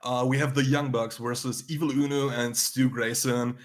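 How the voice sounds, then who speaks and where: A man's voice: medium pitch, moderate pace. Dry-humored podcast co-host man. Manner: dry teasing humor, relaxed recapping. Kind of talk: casual wrestling chat.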